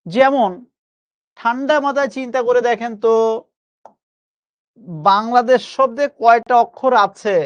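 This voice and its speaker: A young man teaching an online grammar class, coaxing his students and repeating key phrases slowly for emphasis. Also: extremely high pitch, muffled recording. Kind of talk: live online class lecture.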